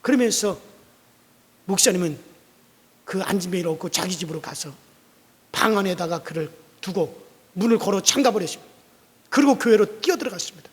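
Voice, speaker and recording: A man's voice: high voice, animated, brisk, long pauses. A male pastor telling a story in a sermon in a church sanctuary, vivid and dramatic. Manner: vivid storytelling, acting out quotes loudly. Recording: long church reverb.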